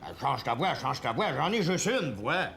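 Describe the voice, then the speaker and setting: A man's voice: fairly high pitch, big pitch swings, moderate pace, gravelly, a bit bright, slight background noise. A man with a Quebec French accent playing a bumbling, hesitant character in a sitcom sketch, stammering often. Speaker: sketch comedian.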